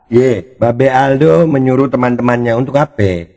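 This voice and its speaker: A man's voice: medium pitch, moderate pace, darkish tone. A man hosting a commentary channel, mocking and taunting someone he is reacting to. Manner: taunting, exclamatory, addresses opponent directly.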